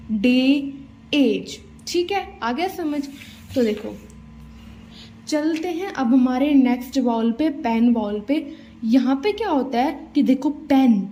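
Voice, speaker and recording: A woman's voice: sits high, mellow. A woman teaching shorthand vowels, patiently explaining each rule and checking in often. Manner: patient, repeats "theek hai" and "dekho" often. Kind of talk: explaining steno vowels step by step. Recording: dull lo-fi, roomy echo.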